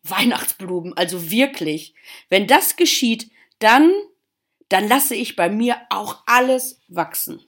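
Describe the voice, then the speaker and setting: A woman's voice: mid-range voice, animated, slow pace, a bit bright. A woman voicing a grumpy old male gardener who grumbles and disapproves. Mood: dismissive.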